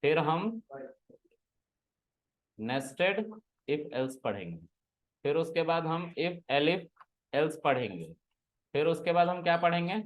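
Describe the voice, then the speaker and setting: Male classroom teacher, somewhat high voice, teasing and quizzing his class, dull lo-fi recording. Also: very animated, slow pace, pauses often. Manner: teasing, asks students questions and scolds them. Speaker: programming teacher.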